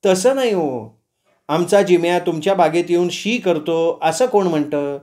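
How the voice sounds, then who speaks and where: A man voicing a sharp-tongued young woman who answers with quick, mocking retorts in a told story. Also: sits high, animated. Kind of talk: storytelling with acted dialogue.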